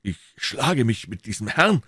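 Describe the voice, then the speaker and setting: A man's voice: medium pitch, big pitch swings, a little slow, bright, forceful tone, husky, no echo, pitched above the performer's own voice, exaggerated voice. A man reading aloud, voicing a gracious, noble male musketeer with a dignified manner.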